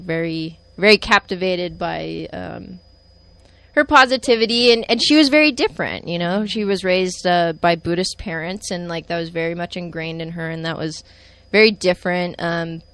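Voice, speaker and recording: A guest in her twenties chattily tells how she met her partner in a casual conversation, using lots of fillers. Her voice is on the low side, gravelly yet fairly bright, at a moderate pace.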